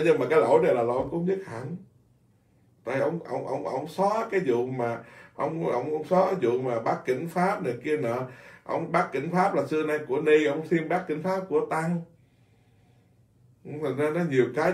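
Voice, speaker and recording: A man's voice: on the high side, echoey room, far from the mic. A man, a Buddhist monk, giving an informal dharma talk in a blunt, scolding way, repeating himself often. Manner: blunt, scolding, animated with many repetitions.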